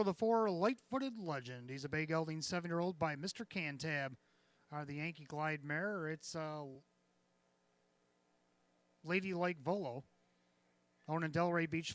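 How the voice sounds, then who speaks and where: A man's voice: a little high, fairly bright tone, dry recording. A man working as a harness race caller, giving live, rhythmic commentary with an emphatic, projected announcer delivery.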